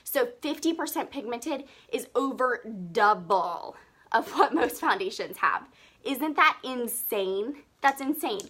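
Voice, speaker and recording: A young woman talking on a live makeup video, gushing and excitable, breathing a little heavily. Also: a little high, a little slow, husky. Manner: gushing, excitable, lots of "like" and "seriously". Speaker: beauty vlogger.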